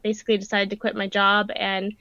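Bright chatty woman guest. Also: medium pitch, completely flat delivery, fast, no room sound, lo-fi sound. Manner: laughs often, chatty and upbeat. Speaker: ranch co-owner, guest. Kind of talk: casual podcast interview.

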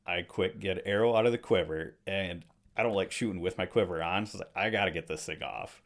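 A man from Michigan, co-host of the show, excitedly retelling a story in casual chat. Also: sits low, fairly quick. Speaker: co-host telling a hunting story.

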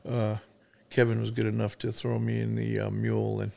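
A man's voice: lowish voice, completely flat delivery, brisk, gravelly, a little mellow. A man sharing a hunting story in casual family chat, chuckling as he goes. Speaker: family guest.

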